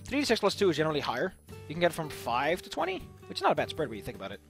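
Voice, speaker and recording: A man casually commentating as he builds a tabletop game character, playful and thinking out loud. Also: a little high, wildly swooping pitch, racing, creaky, soft background music. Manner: playful, thinking aloud, mild swearing.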